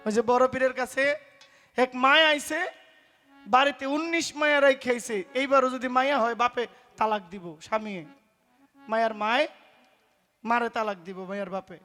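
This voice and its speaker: A man with a tells a religious story on stage in pala gaan style, loud and emphatic, acting out the voices of its people. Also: very high voice, steady tone, normal speed, pauses often, soft background music. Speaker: folk singer preaching a story. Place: stage at a live folk performance.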